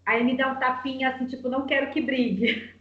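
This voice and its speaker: A woman, a mother and interview guest, answering in a lively, anecdotal way. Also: sits high, brisk, reverberant, distant mic, highs cut off.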